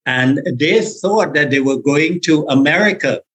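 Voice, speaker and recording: A man's voice: on the high side, a little slow, fairly bright tone, low-quality recording. A man from Trinidad and Tobago, answering interview questions about his background with frequent restarts and small laughs. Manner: hesitant, with restarts and little laughs. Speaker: guest, meditation teacher and health consultant.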